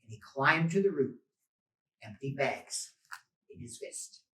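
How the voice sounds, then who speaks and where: Male storybook reader, slow and forceful, theatrical emphasis, recorded at a distance in an echoey room. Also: fairly high pitch, expressive. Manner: theatrical, with drawn-out repetitions and emphatic swells. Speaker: storyteller reading a children's book aloud. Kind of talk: dramatic storybook reading.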